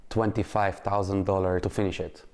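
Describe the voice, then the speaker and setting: A man's voice: low-pitched, level tone, a little fast, clean tone. A man giving an unscripted news interview as a homeowner.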